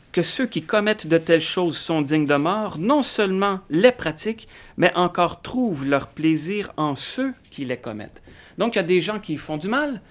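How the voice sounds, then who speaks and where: Man, fairly high voice, slow careful verse reading, hesitant asides. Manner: reads verses slowly, thinks aloud with hesitations. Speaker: Bible discussion speaker. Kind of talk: conversational Bible teaching.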